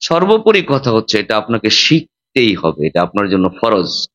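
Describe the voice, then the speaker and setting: A man's voice: lowish voice, very animated, normal speed, fairly bright tone. A man giving a sermon, teaching pronunciation with emphatic rises and drops. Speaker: Islamic preacher.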